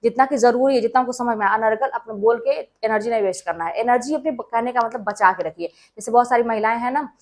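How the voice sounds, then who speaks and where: A woman's voice: a little high, fast talker, hardly any pauses. A woman, a schoolteacher, gives study advice to exam aspirants in a casual, earnest and emphatic way, speaking straight to her listeners.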